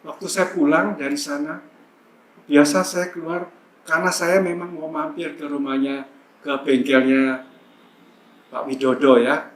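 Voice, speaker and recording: A man's voice: fairly high pitch, fairly even intonation, measured pace, pauses often. Chatty man in an echoey church. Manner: chatty, storytelling, frequent fillers. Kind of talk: testimony in a church service. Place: church hall. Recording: echoey church with faint ambience.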